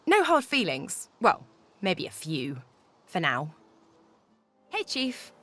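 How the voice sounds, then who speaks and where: A woman's voice: lowish voice, wildly swooping pitch, takes it slowly, fairly bright tone, full character voice. A woman playing a breezy, informal young adventurer in a video game, casual and frank. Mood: fed up.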